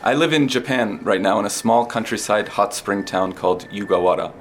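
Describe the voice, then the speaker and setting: A man's voice: lowish voice, brisk, a little hiss or hum. A man who grew up in the United States, a guest author, telling his story in an easygoing way with many fillers. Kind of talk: casual interview chat. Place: inside a sauna at an outdoor festival.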